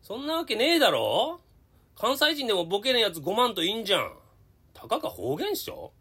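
A woman playing a timid, insecure middle-aged male radio co-host who speaks a fake Kansai accent and mumbles and hesitates, turning gruff when annoyed. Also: a little high, wildly swooping pitch, a little fast, a bit bright, exaggerated voice. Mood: grumbling, defensive. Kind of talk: comedy radio sketch.

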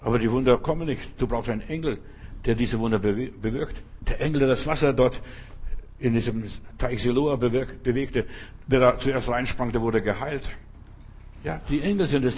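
A man's voice: medium pitch, darkish tone, a little hiss or hum. A man preaching a sermon in short, repetitive phrases, often turning to the listener with direct questions. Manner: addresses the listener directly with repeated rhetorical questions.

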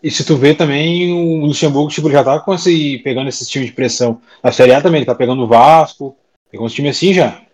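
Man, fast, emphatic, casual football debate. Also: fairly high pitch, a little mellow. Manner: emphatic, keeps adding "meu". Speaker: football pundit.

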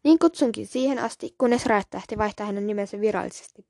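A woman's voice: mid-range voice, gravelly, warm tone, no room sound, studio quality, natural voice. A woman voicing a cold, cruel she-cat mother in a storybook reading, speaking curtly and dismissively. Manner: curt, icy and dismissive. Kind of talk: audiobook reading.

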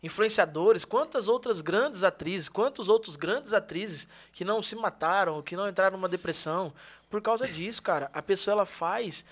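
A man's voice: high voice, moderate pace, a bit bright. A man who hosts a podcast and makes emphatic points, ending his remarks with tag questions. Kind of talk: casual podcast conversation.

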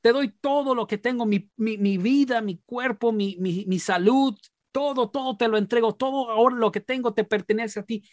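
A man's voice: very high voice, moderate pace, no echo, studio quality, voice pushed up. A man voicing an eager, desperate pearl merchant who pleads and piles up offers, his voice a bit raised. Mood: pleading.

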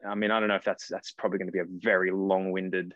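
A man's voice: low-pitched, level tone, fast, a bit bright, no room sound. An Australian man in his early thirties, an actor from far north Queensland, chatting as a podcast guest in a rambling, self-correcting way over a video call. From Cairns, far north Queensland, Australia. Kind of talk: casual podcast interview. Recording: dry, dull lo-fi call audio.

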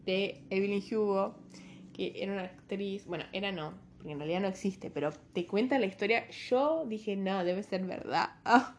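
Woman book vlogger, chatty and rambling, self-mocking, mid-pitched voice. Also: normal speed, a little mellow, slight background noise. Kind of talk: casual book recommendation vlog.

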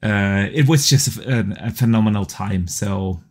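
A man's voice: fairly low pitch, moderate pace. A man hosting a podcast, upbeat and steering the casual chat with frequent fillers. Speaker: podcast host.

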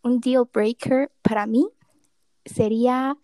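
A woman's voice: fairly high pitch, fairly even intonation, slow pace, mellow, no echo. Young woman host, dry sound. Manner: playful, reacts with English exclamations. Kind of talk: casual chat.

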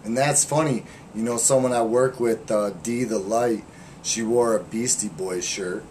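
A man's voice: medium pitch, fairly even intonation, a little slow, darkish tone, slight background noise. A man hosting a podcast, joking around with crude, profane banter. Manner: joking, profane, playful trash talk. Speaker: podcast host.

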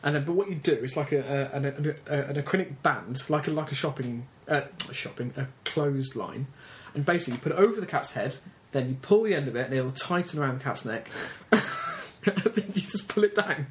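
A man's voice: medium pitch, expressive, brisk, a little hiss or hum. An English man co-hosting a casual comic chat, often stumbling and restarting his sentences. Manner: hesitant, stammering restarts. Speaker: podcast co-host.

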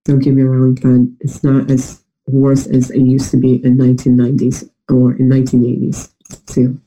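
Speaking at a moderate pace, this young interview guest has a mid-range, monotone, mellow voice made nasal and congested by a recent illness. His accent resembles New York American, and he tells personal stories with some hesitation over a low-quality recording.

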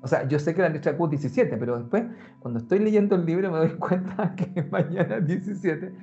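A man, talking in a casual, animated way and speaking straight to the listener. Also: fairly high pitch, fairly quick. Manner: animated, conversational, addresses the listener directly. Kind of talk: casual explanatory talk. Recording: muffled lo-fi sound with faint music.

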